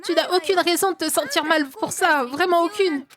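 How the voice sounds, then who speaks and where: A woman's voice: very high-pitched, normal speed. A woman with a French accent voicing a timid but resolute teenage girl, reading game dialogue aloud on stream. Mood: earnest. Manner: sincere, soft-spoken and resolute. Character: timid, earnest teen girl finding her courage.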